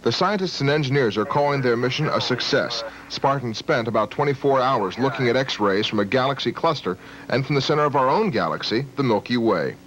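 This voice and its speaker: A man's voice: medium pitch, expressive, fairly quick, a bit bright. A man narrating a scripted television news report as a correspondent. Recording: dull archival TV audio, busy background.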